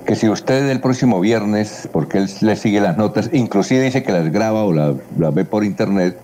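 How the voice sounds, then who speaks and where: A man hosts a radio show in a low, mellow voice. He relays listeners' questions to the guest expert, and a faint hiss of noise runs under his voice. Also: normal speed. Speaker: radio host.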